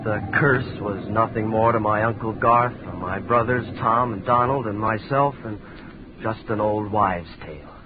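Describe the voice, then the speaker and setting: A man's voice: lowish voice, measured pace, noisy background, lightly acted. An actor in 1940s radio drama playing a wounded man who earnestly recounts his family's curse. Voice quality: earnest, storytelling. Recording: tinny old radio broadcast.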